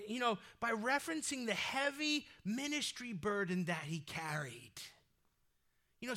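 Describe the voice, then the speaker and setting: A male pastor preaching a sermon in a conversational, energetic way that breaks into loud exhortations. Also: sits high.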